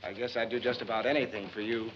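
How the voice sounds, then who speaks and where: An actor playing a nervous, reluctant suitor in 1940s screwball comedy banter, on an old film soundtrack. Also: male voice, mid-range voice, little pitch movement, quick pace, dull audio, background noise, natural voice. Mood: awkward, earnest. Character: nervous, reluctant young suitor pressed into lion taming.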